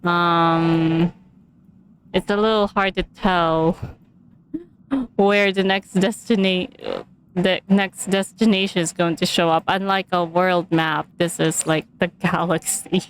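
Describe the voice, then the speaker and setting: A woman's voice: fairly low pitch, fairly even intonation, slow pace, a little hiss or hum, low-quality recording. Giggly woman commenting on gameplay. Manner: giggly, chatty, thinks aloud. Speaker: game streamer.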